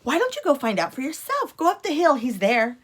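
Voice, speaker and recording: Storybook puppet girl, carefree and airy, pitched high woman performing. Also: huge pitch swings, brisk. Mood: breezy. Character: breezy, carefree young female wooden puppet.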